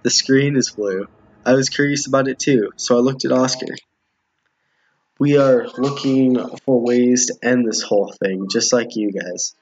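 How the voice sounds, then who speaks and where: This streamer's mid-range voice is a little mellow with a breathy edge, and he keeps a measured pace. He casually plays a visual novel with viewers, reading the dialogue aloud and often fumbling or repeating lines. The home recording is muffled and roomy.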